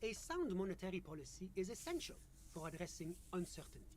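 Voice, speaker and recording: An actor playing a prim, unflappable male financial official with a French accent and a measured, bureaucratic delivery. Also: high voice, sing-song. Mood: composed.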